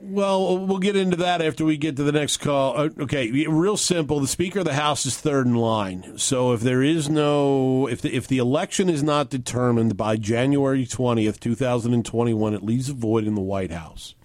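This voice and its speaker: A man co-hosting a talk radio show, explaining politics in a steady, measured way. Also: medium pitch, dry recording.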